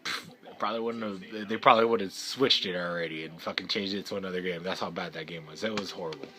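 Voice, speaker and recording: A young man ranting casually about his team's loss, profane, swinging between loud outbursts and low muttering. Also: fast. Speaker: fan vlogger. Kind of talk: casual sports rant.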